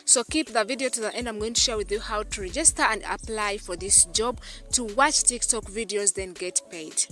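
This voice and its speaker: A Ugandan woman hosts a YouTube channel and narrates a screen-recorded tutorial in a medium-pitched, pushed, bright voice. She repeats herself a lot and keeps calling her viewers "guys."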